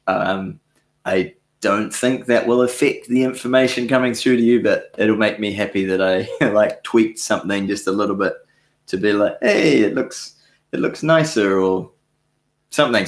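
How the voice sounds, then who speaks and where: Male streamer host, lower voice, loose rambling delivery with frequent chuckles, roomy echo. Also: creaky. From New Zealand. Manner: rambling, self-correcting, chuckles often. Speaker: livestream host answering viewer questions. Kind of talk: casual live Q&A chat. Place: home studio.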